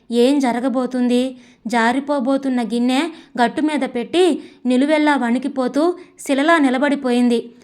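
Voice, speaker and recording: Woman narrator, high voice, expressive dramatic story reading. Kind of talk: scripted narration.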